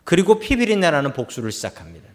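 A male pastor delivers a Sunday sermon, telling a Bible story with a lively, swooping delivery. He speaks in a slightly raised register and often turns to address the congregation. His voice carries in a church with a long, lingering reverb. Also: fairly high pitch, fast. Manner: lively storytelling, voicing biblical figures and calling on the congregation. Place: church sanctuary.

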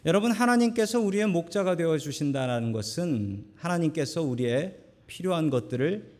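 A man's voice: fairly high pitch, expressive, normal speed, a little mellow. A male pastor from Seoul preaching a Sunday sermon in a church, earnest and emphatic with folksy asides. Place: church sanctuary.

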